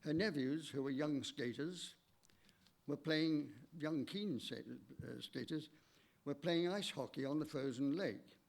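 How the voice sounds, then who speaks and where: An older man, giving a measured, halting eulogy for his late wife in a church, read from notes with small stumbles. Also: a little high, gravelly, darkish tone.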